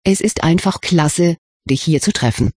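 A reader voicing a brusque, hurried young male wizard with a sarcastic, impatient way of talking, in an audiobook. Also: mid-range voice, a little mellow, breathy edge, no room sound, clean studio sound. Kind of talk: audiobook character reading.

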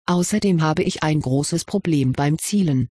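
A reserved teenage wizard boy, as a reader puts him on, gives short, careful answers in an audiobook. The voice is husky and slightly breathy. The sound is close and dry. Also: medium pitch, measured pace, a little mellow, no room sound. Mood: guarded. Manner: curt, cautious answers. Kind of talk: audiobook character reading.

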